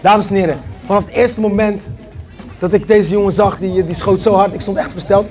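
A man's voice: high-pitched, steady tone, a little fast, soft background music. A man hosting a prize ceremony outdoors, announcing winners and calling out names to a crowd. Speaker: vlogger and event host. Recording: loud crowd behind.

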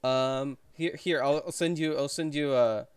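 A woman's voice: low-pitched, a little slow, darkish tone, smooth, dry recording. A woman streaming a game, chatting casually and reading narration aloud, often hesitant and searching for words.

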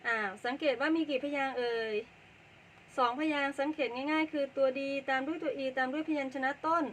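A woman's voice: high voice, fairly even intonation, brisk, a bit bright, slight background noise, rough recording. A woman teaching English phonics, patiently sounding out words syllable by syllable for learners. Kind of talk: phonics lesson for Thai learners.

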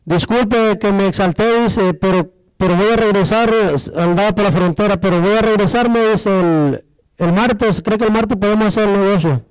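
A man's voice: sits high, normal speed, dry recording, rough recording. A man telling his testimony in a church service, acting out the dialogue as he goes and asking the congregation rhetorical questions. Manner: storytelling, acts out dialogue, asks the audience rhetorical questions. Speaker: church member giving a testimony.

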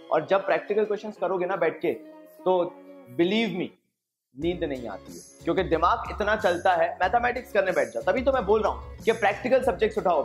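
A young man, a commerce teacher, gives casual exam study advice straight to his students, mixing Hindi and English. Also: high voice. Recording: roomy echo with faint music.

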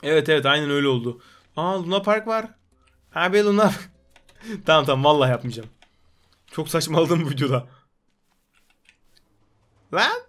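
High-voiced excitable young male gamer. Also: fairly quick, pauses often. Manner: rowdy, jokey, scolds game characters; put-on comic street talk. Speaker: gaming YouTuber. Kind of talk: excited gameplay commentary.

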